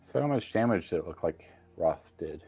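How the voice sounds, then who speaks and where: A man playing a tabletop game, asking careful questions about the rules. His voice is low, gravelly and husky. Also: lively intonation, normal speed, mellow, faint music behind. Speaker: player. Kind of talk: casual tabletop play.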